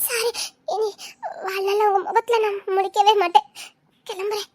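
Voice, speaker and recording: A woman's voice: very high-pitched, flat delivery, normal speed, a little mellow, slight background noise. An actress playing a young wife who is ashamed and leaving. She speaks through tears, broken and half-laughing as she sobs. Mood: tearful. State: crying.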